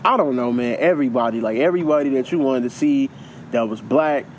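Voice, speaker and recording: Co-hosting a podcast, a man chats casually with loose slang and repeats himself a lot. His voice is mid-range and brisk, with slight background noise.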